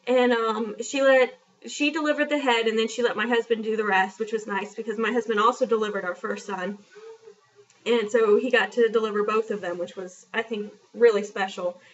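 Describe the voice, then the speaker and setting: A woman's voice: fairly high pitch, fairly even intonation, moderate pace. A young woman telling a personal story in a casual vlog, chatty and frank, with lots of fillers. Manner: chatty, frank and self-deprecating, with many fillers. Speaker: vlogger. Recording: dull lo-fi sound from a distance.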